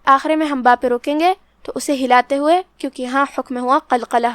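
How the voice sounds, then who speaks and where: A woman's voice: sits high, fairly even intonation, a bit bright, dry recording, studio quality. A woman teaching Quran recitation step by step, methodically explaining each pronunciation rule.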